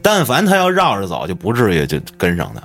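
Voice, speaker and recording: A man's voice: huge pitch swings, quick pace, fairly bright tone, faint music behind. A man, a podcast host telling a ghost story in colloquial, swear-laden style. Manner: colloquial storyteller, swears often, dramatic swings in pitch.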